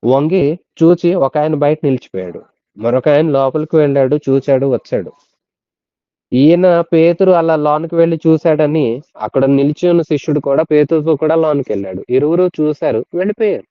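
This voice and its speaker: A man preaching a Bible study sermon, retelling the story earnestly and dropping to soft, low tones at key moments. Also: moderate pace, no echo, highs cut off.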